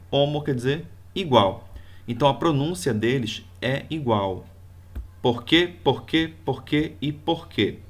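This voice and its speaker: Guy teaching grammar, middle pitch, patient, walks through examples one by one. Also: a bit bright. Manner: didactic, explains step by step with examples. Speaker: Portuguese teacher. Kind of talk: video grammar lesson.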